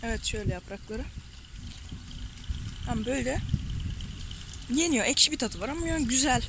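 A woman with a fairly high voice talks casually to her phone camera on a pasture, full of tender pity for the animals she sees. The outdoor recording carries clear wind and field noise, with birds and animals around her. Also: lively intonation, normal speed. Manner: chatty, tender and pitying toward animals. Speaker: village life vlogger. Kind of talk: casual outdoor vlog narration.

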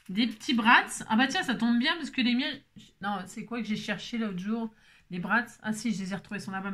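Playful woman vlogger, chatty and exclamatory, talks to herself, mid-pitched voice. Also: a bit bright. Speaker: papercraft vlogger. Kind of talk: casual chat while opening mail.

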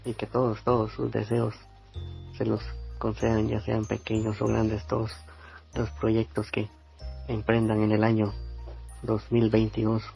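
A man from Guatemala, giving a rambling holiday blessing with pauses. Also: lowish voice, monotone, gravelly, a little mellow, faint music behind. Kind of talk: recorded holiday greeting.

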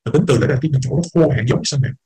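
A man's voice: a little high, racing, dark tone, breathy edge, low-quality recording. A man teaching an English class, explaining patiently, repeating words and mixing English terms into his talk. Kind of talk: online class lecture.

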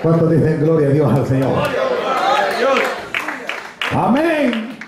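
A male pastor preaching an animated sermon, urging the congregation to say amen and swinging his voice up toward near shouts. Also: on the high side, takes it slowly, a loud crowd, heavy background noise. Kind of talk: lively Spanish sermon with congregation responses. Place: church hall with congregation. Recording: very echoey church hall with congregation.

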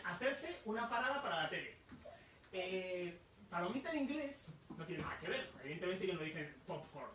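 A high-voiced man gives a live talk at a bookshop, explaining patiently and throwing questions to the audience. The room is echoey and he sounds distant from the mic. A faint murmur of room noise sits underneath. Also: a bit bright. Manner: explains slowly, repeats words, asks the audience questions. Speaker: book author presenting his book.

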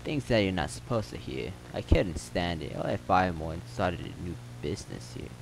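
A man's voice: deep voice, animated, moderate pace, creaky, voice pushed down. A man voicing a gossipy male motel worker in a put-on accent, telling rambling, joking stories. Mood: spinning tales. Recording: loud game noise behind.

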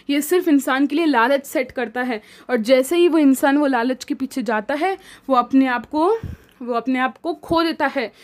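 Indian woman teacher, high voice, chatty line-by-line explainer who asks and answers her own questions. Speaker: English teacher.

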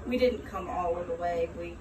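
A middle-aged woman giving a relaxed, hesitant tour of her boat, with many pauses and ums. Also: on the low side. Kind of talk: casual tour talk. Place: aboard a river sternwheel boat. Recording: roomy echo, distant, noisy.

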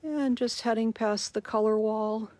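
A woman's voice: fairly high pitch, steady tone, a little mellow, dry recording. A woman giving a chatty walking tour of a large quilt shop, recorded on a handheld phone. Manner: slow, chatty, promotional.

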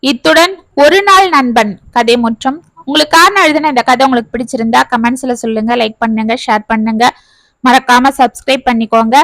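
A woman host narrating a family story and signing off to her listeners in a gentle, steady storybook manner. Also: on the high side, fairly quick, no room sound.

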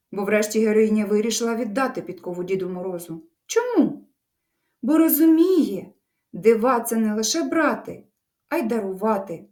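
A woman teacher giving a literature lesson with an expressive, lively delivery, addressing her pupils in a warm, encouraging way. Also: a little high.

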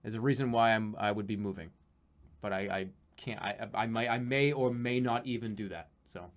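A man in his thirties talks casually on a home live stream from a small room, with a lowish voice at a moderate pace. He reads out donations, rambles, swears, and now and then breaks into excited yelling.

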